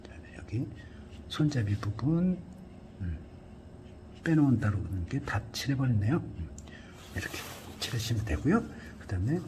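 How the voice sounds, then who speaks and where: A man giving a calm painting lesson, talking through each brushstroke and often dropping to a near whisper. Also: medium pitch, normal speed, slight background noise. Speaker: art instructor. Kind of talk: painting tutorial narration.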